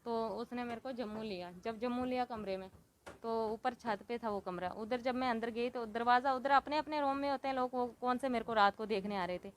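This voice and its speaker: A woman's voice: a little high, fairly quick, a little hiss or hum. A woman in her thirties giving an interview, retelling her own story in a plain, rambling way and quoting what others said. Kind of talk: recounting personal story.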